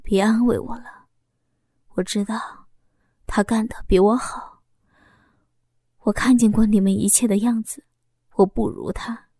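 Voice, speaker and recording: A woman voicing a wounded, ashamed middle-aged husband in whispered role-play, speaking in a low, hushed, unvoiced whisper. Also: steady tone, a little slow, gravelly, long pauses, slightly rough, no room sound, clean studio sound. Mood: resigned.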